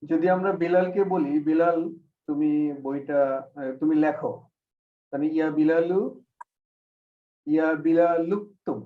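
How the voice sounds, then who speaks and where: A man teaching an online Arabic grammar class, explaining patiently step by step. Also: on the high side. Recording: echoey, distant, phone-like call audio.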